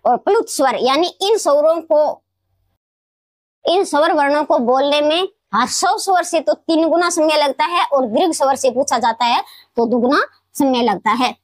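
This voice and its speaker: A woman teacher explaining grammar in a classroom lesson, repeating key words slowly and answering her own questions. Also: sits high, no room sound. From Rajasthan, India. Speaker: Hindi teacher.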